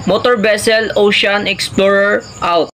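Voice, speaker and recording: A woman's voice: mid-range voice, fairly even intonation, unhurried, lightly acted. Woman playing a ship's officer on marine radio. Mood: formal, procedural. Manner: formal, procedural radio phrasing. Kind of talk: marine radio communication, scripted demonstration. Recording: faint background noise.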